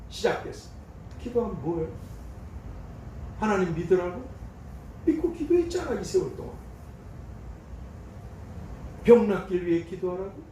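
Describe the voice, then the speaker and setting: Dramatic high-pitched preaching man. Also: dark tone, slight background noise. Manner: dramatic, acts out voices of God and a troubled pastor. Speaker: pastor. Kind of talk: sermon. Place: church sanctuary. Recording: echoey church hall, voice from a distance.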